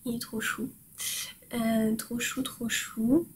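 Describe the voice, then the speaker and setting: A woman's voice: a little high, little pitch movement, takes it slowly, slight background noise, rough recording. A woman hosting a crafting podcast, chatting casually and cheerfully while showing her work, with frequent hesitations and fillers. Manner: cheerful and self-mocking. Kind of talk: casual show-and-tell chat.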